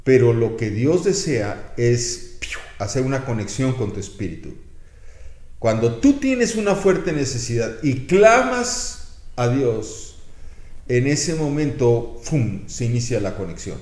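A man's voice: mid-range voice, animated, takes it slowly, a little mellow, roomy sound. An older man with a Mexican Spanish accent preaching a sermon as pastor, acting out pleas and adding sound effects as he talks.

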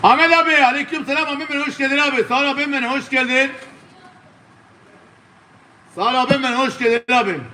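A man's voice: very high-pitched, fairly even intonation, quick pace, pauses often, bright, forceful tone, a little hiss or hum. A man with a southeastern Turkish accent working as an auctioneer, calling bids to online viewers in repetitive patter and addressing bidders over and over.

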